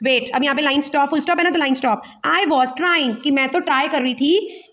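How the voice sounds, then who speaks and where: A woman's voice: high voice, normal speed, fairly bright tone. A woman teaching young children a story lesson, patiently explaining each word and checking that they understand.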